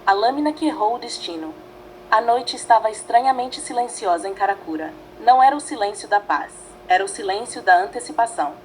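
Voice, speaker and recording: A woman narrating a fanfiction story in a dramatic, measured way, reading in short phrases. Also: fairly high pitch, a little hiss or hum, low-quality recording.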